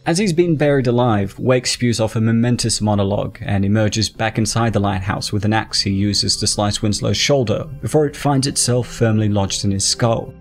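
A man giving scripted, measured narration for a film explainer video. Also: fairly low pitch.

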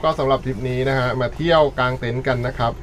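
A man's voice: medium pitch, steady tone, fast, fairly bright tone, a little hiss or hum. A middle-aged man hosting a family camping vlog, upbeat and addressing viewers politely. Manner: upbeat, talks to viewers, ends phrases with polite particles. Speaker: family vlog host, the father. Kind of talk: casual family vlog narration.

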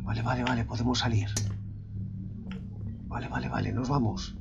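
Jumpy Spanish gamer, whispering and yelping. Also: male voice, medium pitch, steady tone, normal speed, gravelly, dull audio, over loud music. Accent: Spain Spanish. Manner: jumpy and profane, drops to whispers and bursts into yelps; keeps addressing viewers as lads. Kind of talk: horror game let's play commentary.

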